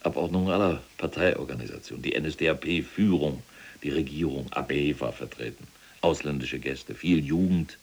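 An imprisoned SS general for an audio drama, a self-justifying fanatic of mature years. His voice sits very low and has a husky rasp. He speaks pompously, as if lecturing, and bristles at contradiction. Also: moderate pace, exaggerated voice. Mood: reminiscing. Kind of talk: German audio drama acting, monologue and argument.

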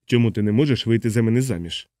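A man's voice: on the low side, quick pace, dark tone, dry recording, lightly acted. A male audiobook reader voicing a lovestruck young soldier who keeps pressing his question, in a dry recording. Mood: persistent.

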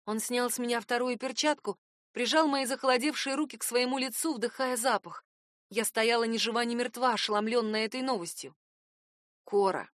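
A woman's voice: on the high side, fairly even intonation, fairly quick, fairly bright tone, no room sound, clean studio sound. A woman narrating a first-person audiobook in a tense, dramatic reading.

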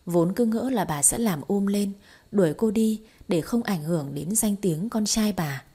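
A woman reading a romance story aloud in steady, scripted audiobook narration. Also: medium pitch, unhurried, slightly rough.

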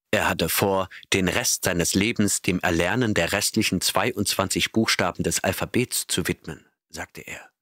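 A man reading an audiobook in a steady, measured narration. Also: sits low, no echo, clean studio sound. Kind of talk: scripted narration.

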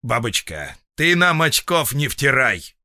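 A man's voice: medium pitch, lively intonation, moderate pace, pushed and bright, no room sound, voice pushed up. A stern village medic, voiced by a male reader, scolds in a firm, knowing tone. He sounds sure of himself and a little raised. The sound is dry and close. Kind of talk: audiobook reading.

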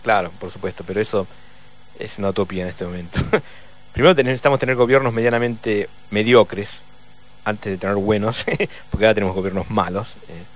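A man with an Argentine accent hosting a casual radio chat, reading listener messages in a relaxed way with small laughs. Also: lowish voice, a little fast. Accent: Argentine Spanish. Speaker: radio host.

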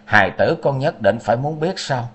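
A man's voice: medium pitch, expressive, moderate pace, a bit bright, natural voice. A man voicing a grieving noble mother. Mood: sorrowful. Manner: choked, sorrowful. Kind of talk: storybook narration.

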